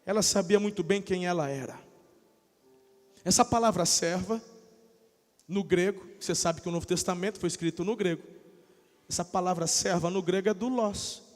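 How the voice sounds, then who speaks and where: A male pastor preaching a sermon in a church, moving from soft asides to loud shouted peaks. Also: high voice, normal speed, long pauses. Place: church sanctuary. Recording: long church-hall reverb.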